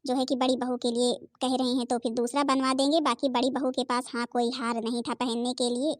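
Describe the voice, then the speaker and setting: A woman's voice: high voice, level tone, fairly quick, no echo, lightly acted. Woman doing a cartoon mother-in-law, middle-aged, soothing, reasoning, dry close sound. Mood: concerned.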